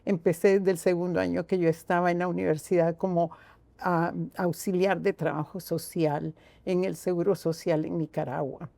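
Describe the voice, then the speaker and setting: An older woman from Costa Rica with a Costa Rican accent, a guest telling her own story slowly and earnestly, with many pauses. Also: fairly low pitch, flat delivery, gravelly, dark tone, no room sound. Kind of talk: reflective personal storytelling.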